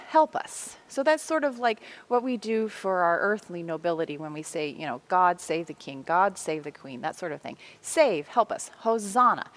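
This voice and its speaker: A middle-aged woman speaks as a church organist in a devotional music talk. Her pitch swoops up and down with animated expression, sitting at an ordinary middle height. She explains warmly and counts out beats.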